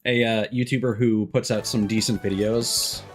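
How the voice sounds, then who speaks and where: A man streams a video game with casual live commentary, rambling and explaining but halting mid-thought, as game music plays behind him. His voice is lowish and flat, at a moderate pace.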